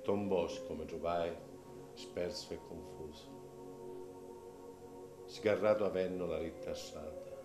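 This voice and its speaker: A man with a Sicilian accent gives a theatrical recitation of dialect poetry, swinging between hushed and loud delivery. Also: low voice, steady tone, slow, pauses often. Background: music.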